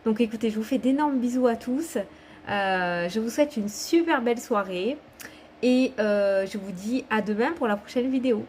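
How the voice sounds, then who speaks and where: A woman's voice: on the high side, moderate pace, a little mellow, slight background noise. A woman doing a casual tarot reading to camera, talking in a chatty, encouraging way and often checking in with the viewer. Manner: encouraging, motivational. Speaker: tarot card reader.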